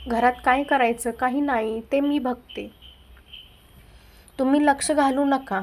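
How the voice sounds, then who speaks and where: A woman's voice: high voice, fairly even intonation, a little slow. A woman voicing a scheming older mother-in-law who complains with fake tears. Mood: complaining. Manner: snapping, then whining read-aloud dialogue.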